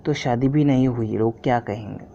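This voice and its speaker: A curt, commanding father lays down the law, as a man reads the part. His voice is mellow and low-key, caught on a dull lo-fi recording with a faint hiss behind it. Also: moderate pace, gravelly, lightly acted. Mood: stern. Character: stern domineering middle-aged father.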